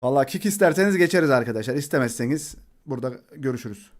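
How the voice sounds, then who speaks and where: A man's voice: mid-range voice, animated, racing. A young male streamer in casual chat with his audience. He jokes around and laughs often, and his voice sits in an ordinary middle range. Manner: joking, laughs often, chats with viewers. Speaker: live streamer.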